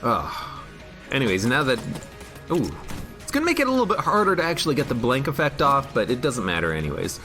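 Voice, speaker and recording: Male streamer, lively rambling commentary over game music. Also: medium pitch, fast. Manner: rambling, jokey, reads chat aloud. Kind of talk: casual gameplay commentary.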